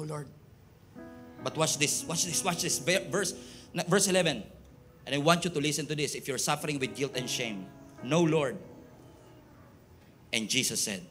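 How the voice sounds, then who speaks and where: A male pastor with a Filipino accent preaching an animated sermon, switching between Tagalog and English and mimicking voices for humor. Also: a little high.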